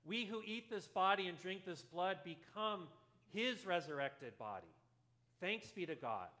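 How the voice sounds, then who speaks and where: A male pastor preaching a sermon in a church, telling a story earnestly and going softer at tender moments. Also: high-pitched, lively intonation, unhurried. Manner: earnest storytelling, drops softer for quoted lines.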